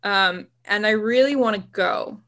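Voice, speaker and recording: A woman's voice: medium pitch, unhurried, fairly bright tone. Woman co-host, chatty and rambling, easy laughter. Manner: enthusiastic about marine biology. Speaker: podcast co-host. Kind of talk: casual chat.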